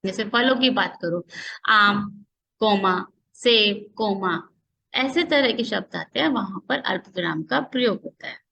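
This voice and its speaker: Bright-voiced woman teaching Hindi grammar. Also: a little high, gravelly, muffled recording. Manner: explains slowly, reads punctuation marks aloud in examples; mixes English words into Hindi. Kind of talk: classroom lesson.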